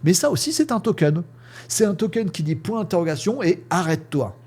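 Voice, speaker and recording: Lively French-speaking man teaching casually. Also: high-pitched, a little fast, husky. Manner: lively, chatty, full of fillers and sound words. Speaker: teacher explaining AI prompting. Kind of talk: casual spoken lesson with screen demo.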